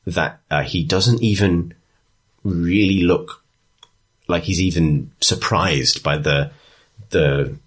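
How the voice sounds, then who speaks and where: A man's voice: deep voice, slow, slightly rough. A man narrating as game master of a tabletop game, chatty and descriptive, often laughing.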